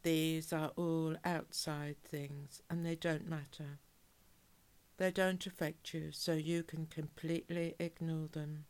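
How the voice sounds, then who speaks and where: Woman, low-voiced hypnosis guide; calm, unhurried delivery with soft breathy endings. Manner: calm, measured, soothing, with drawn-out phrases. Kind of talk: guided relaxation hypnosis, soothing scripted narration.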